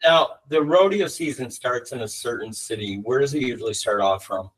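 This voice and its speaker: Guy podcast host, mid pitched voice, chatty, reacts out loud, asks questions. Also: brisk, slightly rough, poor audio. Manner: chatty, exclamatory. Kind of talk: casual interview.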